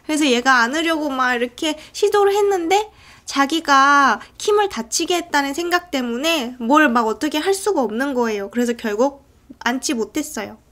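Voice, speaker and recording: A woman's voice: high voice, moderate pace, fairly bright tone. A woman casually retelling a film's story scene by scene, in a chatty way that often breaks into acted character lines. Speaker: film recap narrator. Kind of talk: casual movie recap narration.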